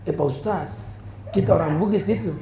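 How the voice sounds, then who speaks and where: A man's voice: sits high, moderate pace, vocal fry, dark tone, echoey room, a little hiss or hum. A man acting out a cheerful, proud Bugis driver in a playful, teasing voice during a sermon. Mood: jokey.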